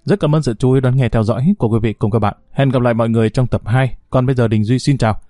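Male storyteller for an audiobook, calm and even, dry close sound. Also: medium pitch, racing, no room sound. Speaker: audiobook narrator. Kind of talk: storytelling narration.

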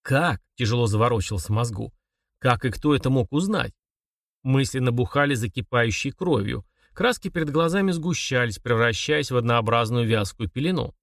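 A man's voice: medium pitch, lively intonation, normal speed, creaky, dry recording, studio quality, recorded from a distance. Man narrating a thriller audiobook. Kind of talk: scripted narration.

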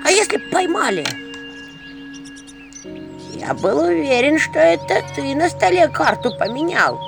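Imps, male, small and cheeky played by a woman: high squeaky chatter, lively swoops. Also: measured pace, vocal fry, music in the background, heavily acted. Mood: excited chatter.

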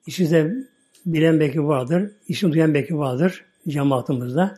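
A man preaching a sermon, telling a story in a folksy, repetitive, animated way. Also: a little high, normal speed, husky.

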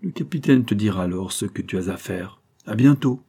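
A man's voice: fairly low pitch, lively intonation, fairly quick, vocal fry, mellow, slightly rough, heavily acted. A man reading aloud and voicing a scheming, ruthless female adventurer with commanding, triumphant speech and hissed asides. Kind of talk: audiobook character reading.

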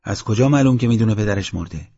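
A man's voice: fairly low pitch, dark tone, breathy edge, big-room sound. A man reading a fretful village headman. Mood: worried questioning. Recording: dull lo-fi recording.

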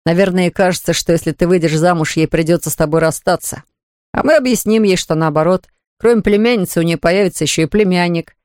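A woman's voice: on the low side, quick pace, darkish tone, no room sound, clean studio sound, close to an everyday voice. A woman voicing an ardent, confident young man who reassures his fiancée earnestly.

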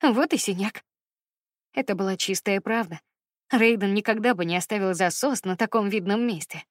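A woman's voice: medium pitch, a little fast, no room sound. A woman narrates a story in the first person and reads it with feeling. Her voice sits in the middle range for a woman. The recording is close and dry, with no room sound. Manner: emotional first-person reading. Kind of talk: expressive audiobook reading.

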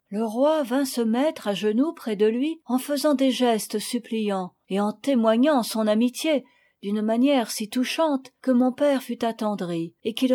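A woman reading a children's novel aloud, with calm, measured storytelling that rises in dramatic moments. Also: fairly high pitch. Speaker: audiobook reader. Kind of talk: scripted narration.

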